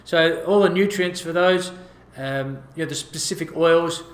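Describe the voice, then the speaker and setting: Higher-voiced man teaching a gua sha routine. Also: unhurried. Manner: easygoing, counts strokes aloud as he demonstrates. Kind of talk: casual demonstration tutorial.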